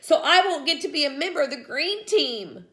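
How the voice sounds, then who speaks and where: Eager young boy, high and bright, read by a woman. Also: lively intonation, normal speed. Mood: earnest. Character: young boy Freddie, upset and earnest.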